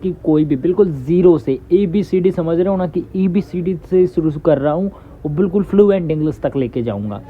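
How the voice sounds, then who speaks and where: A man's voice: on the high side, expressive, normal speed. A young man giving a casual, chatty online English lesson. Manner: chatty, loose, reassuring, calls listeners bhai. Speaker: English teacher. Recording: thin phone-like audio with faint hiss.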